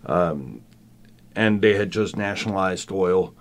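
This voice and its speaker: As a guest on a relaxed podcast, a professor in his fifties talks reflectively, often pausing and starting sentences over. He comes from Argentina but grew up in Venezuela, so his accent is Venezuelan Spanish, and his voice is deep.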